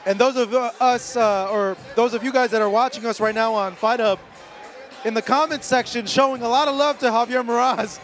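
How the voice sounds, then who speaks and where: A man with a very high, excited voice gives live boxing play-by-play. He projects loudly, often shouting, with crowd and music clearly behind him. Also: fairly quick. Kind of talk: live fight commentary. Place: live boxing event in Tijuana.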